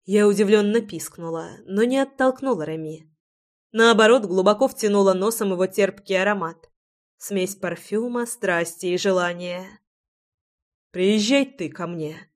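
As an audiobook narrator, a woman reads a first-person romance in an intimate, reflective manner. Her voice is mid-range and her pace normal.

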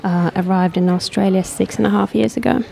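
A filmmaker from Finland talking casually as an interview guest, with dry, deadpan humor. Her voice is mellow and a little gravelly, and her pitch sits at a middle height. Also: fairly quick.

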